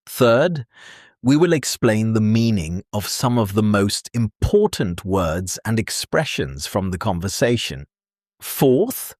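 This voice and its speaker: A man with a British accent presenting an English lesson for beginners in a slow, clear teaching voice. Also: on the low side, no room sound, clean studio sound. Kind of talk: scripted lesson narration.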